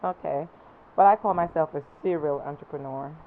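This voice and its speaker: Woman, Jamaican accent, talk show guest, halting, lots of ums, phone-thin sound. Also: sits low, narrow, tinny audio, a little hiss or hum. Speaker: guest entrepreneur.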